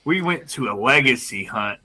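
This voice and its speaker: A man co-hosting a casual podcast, telling a story in an animated way with laughter. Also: mid-range voice, moderate pace, poor audio. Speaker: podcast co-host.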